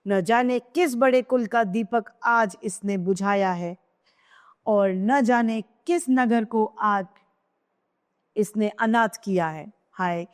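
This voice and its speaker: A woman voicing a troubled king, speaking in a lower voice with anxious unease. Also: slow, long reverb tail. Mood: uneasy. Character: stricken king, fearful and uneasy father.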